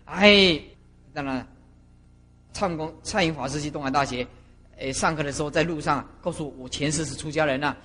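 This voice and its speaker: A middle-aged woman, a Buddhist master lecturing monastic students and telling stories with lively acted-out scenes. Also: fairly low pitch. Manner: animated storyteller who acts out scenes. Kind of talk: doctrinal lecture with personal stories. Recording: reverberant lecture hall.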